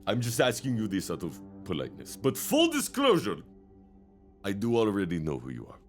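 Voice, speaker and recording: A man's voice: lowish voice, huge pitch swings, brisk. A man giving casual, playful let's play commentary as a gaming host, full of jokey asides. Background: faint game music.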